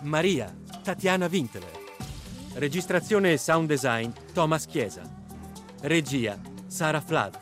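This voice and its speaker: A male announcer reading a radio series' credits in a measured, formal way. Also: fairly high pitch, big pitch swings, music in the background.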